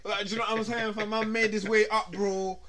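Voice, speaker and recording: Young london roadman guy chatting on a pod, highish voice, sharp and punchy, loads of slang. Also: brisk. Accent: London roadman slang accent. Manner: animated, slangy, repeating himself. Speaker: podcast co-host. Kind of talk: casual banter among friends.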